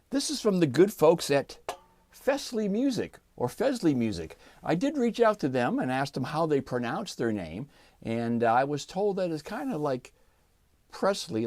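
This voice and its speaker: A man hosting a guitar channel, chatting in a relaxed, folksy way while unboxing a new guitar. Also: fairly high pitch, dry recording. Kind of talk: casual unboxing vlog.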